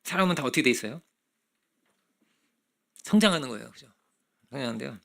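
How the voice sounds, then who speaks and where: A male pastor preaches a conversational sermon full of rhetorical questions, in a fast, gravelly, mid-range voice. He breaks into animated bursts acting out children's voices.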